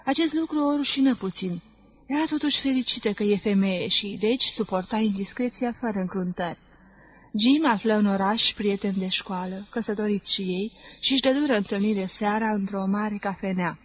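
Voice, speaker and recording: A woman reading a literary novel aloud as an audiobook narrator, in a measured, steady storytelling manner. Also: mid-range voice, a little hiss or hum, low-quality recording. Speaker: audiobook reader.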